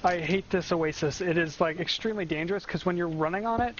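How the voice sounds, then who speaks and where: A man commentating a game tournament in casual chat, talking quickly and eagerly and often restarting his sentences over an online voice chat mic. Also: sits high. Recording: dull lo-fi voice chat with faint noise.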